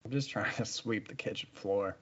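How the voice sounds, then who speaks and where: A man co-hosting a casual podcast, explaining things patiently and going along easily with his partner. His voice sits somewhat low. The recording sounds a little dull and lo-fi. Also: normal speed, a crowd in the background. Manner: explanatory, easygoing, agreeable. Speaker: podcast co-host. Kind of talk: casual chat.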